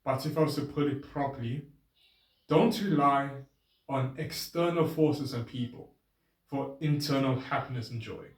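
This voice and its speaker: A man vlogging a casual, rambling self-reflective monologue, his voice drifting between a trained register and a softer natural one. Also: mid-range voice, normal speed. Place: outdoors with his bike. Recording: roomy, distant camera sound.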